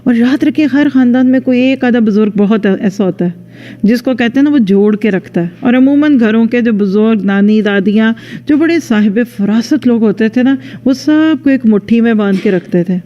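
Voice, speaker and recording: A woman religious teacher giving a conversational lecture into a microphone, speaking straight to her listeners and acting out sample dialogues. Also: on the high side. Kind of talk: religious lecture to a women's audience. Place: lecture venue with a live audience. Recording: dull lo-fi sound with long hall reverb.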